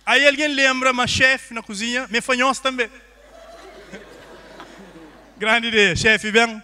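Cape Verdean comic, high bright voice, stage storyteller, hall echo. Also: male voice, slow, clean tone. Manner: lively joke-telling. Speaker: stand-up comedian. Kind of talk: stand-up storytelling. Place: stage in a theatre. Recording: long hall reverb.

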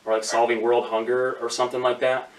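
Talking fast at a medium pitch, a young male vlogger does a deadpan, meandering bit of prank-call and vlog chatter. His camera sits a few feet back in a small room at home, and the sound bounces around.

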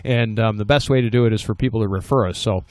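A man's voice: on the low side, quick pace, a little mellow, dry recording. A man co-hosting a home improvement talk show, chatty and jokey. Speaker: co-host. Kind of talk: casual chat.

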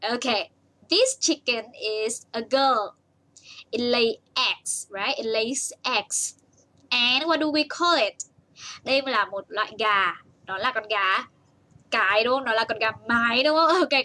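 A woman's voice: a little high, bright, forceful tone. A young adult woman with a Vietnamese accent teaching English to small children live, reading viewers' comments aloud with bouncy praise. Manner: bouncy, praising, switches between slow English and rapid Vietnamese.

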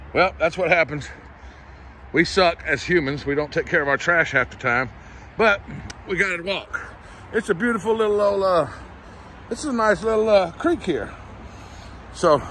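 A man's voice: fairly high pitch, pushed and bright, a little hiss or hum. Middle-aged man, casual walking vlog, chatty, a touch out of breath, phone mic outdoors. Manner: chatty, rambling, self-deprecating. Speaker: vlogger. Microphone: phone held while walking.

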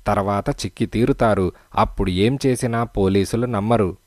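A man reading the part of a calm, shrewd male detective in an audiobook, speaking firmly and persuasively. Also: fairly low pitch, moderate pace, no echo, clean studio sound, close to an everyday voice. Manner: firm, persuasive.

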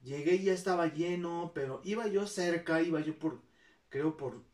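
A woman vlogger with a Mexican accent chats with viewers, telling personal stories and acting out those she quotes in a lowish, darkish voice at a moderate pace. The recording sounds roomy, with the mic placed at a distance.

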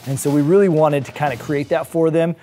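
A man from a foundation, explaining a renovation in a measured way in a documentary interview. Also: a little high, steady tone. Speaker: foundation team member. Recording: soft background music.

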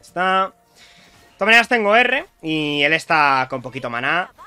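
A young man from Spain with a Spanish accent, chatting excitedly to viewers while commentating his own gameplay. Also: fairly high pitch, a little slow, clean tone, no echo, soft background music. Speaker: streamer playing a video game.

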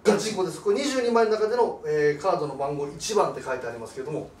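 A man's voice: a little high, animated, very fast, a little mellow. A man who is a psychic comedian, chatting in a meeting, polite and apologetic, explaining things at length. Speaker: psychic comedian doing tarot. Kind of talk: casual meeting chat. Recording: roomy sound from a distant mic with music. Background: background music.

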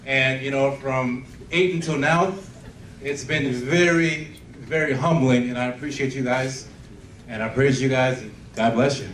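A man from Houston, greeting a church group slowly and humbly as a visiting volunteer. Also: medium pitch, fairly even intonation, a bit bright, slight background noise. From Houston, Texas. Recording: echoey room, distant camera mic.

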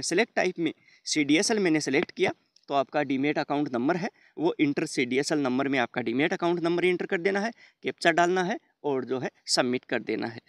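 A tech host with a fairly high voice narrates a how-to screen recording step by step. He calls viewers his friends and uses many repetitive fillers, all captured in a dry, studio-quality recording.

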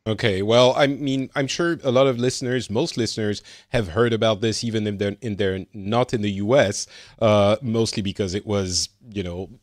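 A man's voice: on the low side, steady tone, normal speed, no room sound, clean studio sound. A man from France hosting a casual news podcast, talking with lots of fillers and restarts. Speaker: host.

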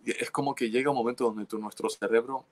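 A man's voice: mid-range voice, fairly even intonation, quick pace. A man preaching a teaching sermon, earnest and exhorting listeners, often restarting his words mid-sentence. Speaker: pastor.

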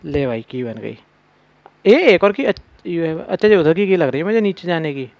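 Gaming streamer, young man, slightly high voice, jumpy and scared commentary, dry dull mic. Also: expressive, a little fast, vocal fry, no echo. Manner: jumpy, scared exclamations, talks to viewers as brothers. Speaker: gaming YouTuber. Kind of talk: horror game let's play commentary.

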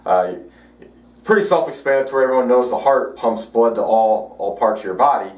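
Halting chiropractor, echoey room. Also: male voice, mid-range voice, distant mic. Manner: halting, frequent "uh" and "you know" fillers. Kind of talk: educational video blog.

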